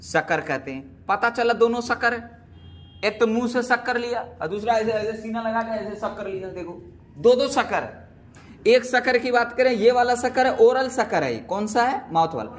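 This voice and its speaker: A man with a very high, animated voice gives a biology lecture at normal speed. He quizzes his students with repeated questions and affectionately calls them "beta."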